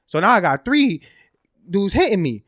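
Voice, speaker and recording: A man's voice: high voice, sing-song, moderate pace, a bit bright, dry recording, clean studio sound. A man co-hosting a podcast, telling a rambling story in casual chat and leaning on "bro" and "right". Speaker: podcast co-host.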